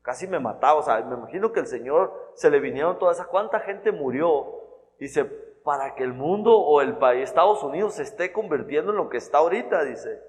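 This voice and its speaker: A man's voice: fairly high pitch, expressive, brisk. A man preaching a sermon in an earnest, conversational way, often restarting and checking in with "¿verdad?". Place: church hall. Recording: long church-hall reverb.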